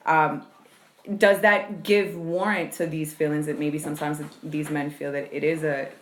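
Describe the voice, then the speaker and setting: Woman hosting a podcast, kinda low voice, asks blunt probing questions, echoey room. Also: flat delivery, normal speed, slight background noise. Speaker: podcast host. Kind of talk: casual podcast chat.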